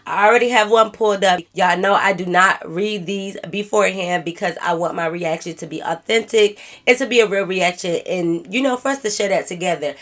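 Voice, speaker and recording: A young woman vlogger with a mid-range voice, stuffed up from a cold, reads a viewer's letter aloud in a casual storytime. She talks briskly with few pauses, answering the story in sassy slang.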